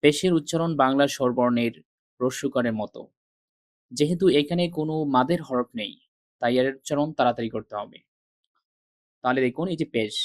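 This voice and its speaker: A man teaching Arabic letter pronunciation, repeating each sound slowly and carefully, with patient classroom explanations. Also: mid-range voice, no room sound, clean studio sound. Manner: drills each sound three times with careful articulation. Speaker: Quran reading teacher. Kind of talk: slow, deliberate recitation lesson.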